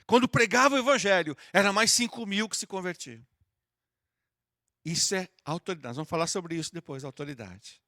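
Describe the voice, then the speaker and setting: A man's voice: sits high, a little fast, no room sound, clean studio sound. Man preaching conversationally. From southern Brazil. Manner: conversational preaching that addresses listeners warmly and acts out sample prayers. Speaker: pastor. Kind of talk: sermon. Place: church auditorium.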